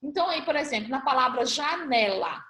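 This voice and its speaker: A high-pitched woman teaching young pupils, patiently spelling out letter pairs one at a time. She talks in a roomy, echoing space at school. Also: animated, a little fast, bright, forceful tone. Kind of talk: recorded class review lesson.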